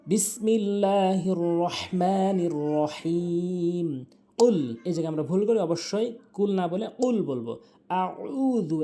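A man with a Bangladeshi accent teaching Quran pronunciation, switching between quick explanations and slow, drawn-out recitation. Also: on the high side, warm tone.

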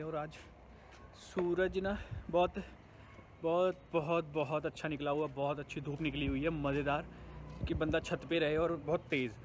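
A man's voice: a little high, a little hiss or hum. A young man chatting casually to his viewers in a vlog, talking straight to the camera and teasing the people around him. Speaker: vlogger.

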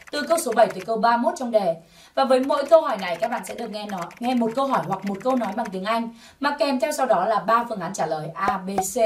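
A woman teaching an English test-prep lesson, slowly drilling English words for learners to repeat. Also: fairly high pitch, distant mic, a little hiss or hum. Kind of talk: scripted language lesson.

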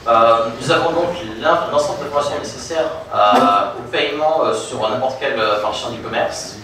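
A young man presents a product demo to a seated audience, stumbling over fillers and restarting his sentences. His voice sits at an average pitch and comes from a distance in a very echoey room. A faint room hum stays underneath. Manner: halting, many fillers and restarts. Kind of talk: live product demo at a meetup. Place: conference room with audience, projector screen.

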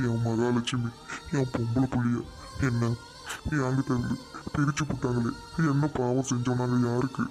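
A man's voice: mid-range voice, flat delivery, moderate pace, a little mellow, soft background music, close to an everyday voice. A man playing a grieving, widowed old father who laments his lost daughter, in an amateur family drama. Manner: lamenting, mournful complaint.

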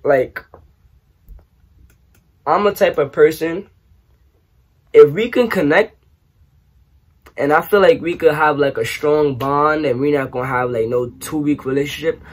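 A young man from New York, raised partly in Trinidad, answering questions in a casual vlog, animated and joking with lots of slang. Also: mid-range voice, breathy edge. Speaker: YouTuber. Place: small bedroom, indoors.

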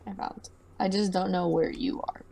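A young woman chatting while gaming, excitable and giggly, quick to plead and panic. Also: medium pitch, gravelly, noisy background. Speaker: co-player. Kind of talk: casual gaming chat.

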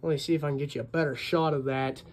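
Showing off his ceiling fan collection in a homemade video, a vlogger rambles in a casual, chatty, unscripted way with an enthusiast's keenness. His fairly high voice holds a steady tone while he talks very fast over slight background noise.

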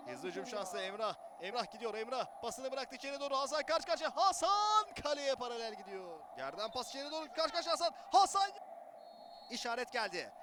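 High-pitched screaming male football commentator. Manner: excited, bursting into drawn-out screams on goals. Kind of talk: live football play-by-play commentary. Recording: noisy outdoor match recording.

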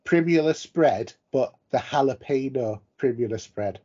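Mellow, husky man, teasing. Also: medium pitch, expressive, a little slow. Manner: teasing, dry jokes. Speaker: podcast co-host. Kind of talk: casual chat. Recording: dull lo-fi podcast audio.

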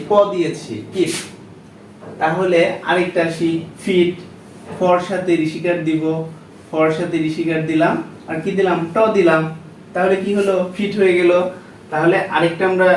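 A man's voice: sits high, slight background noise. A man teaching a shorthand class, patiently walking through each step and asking his listeners questions as he writes. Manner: patient, repeats steps with quiz-like questions. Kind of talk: classroom lesson. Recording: echoey room, voice far from mic.

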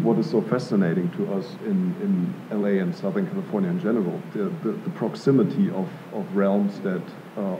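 A man's voice: fairly low pitch, slight background noise. A man in his thirties from Germany, answering at an art gallery panel in a thoughtful, hesitant way with many fillers and restarts. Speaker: panel artist. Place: art gallery panel before a live audience. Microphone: table mic on stand. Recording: dull lo-fi live room sound.

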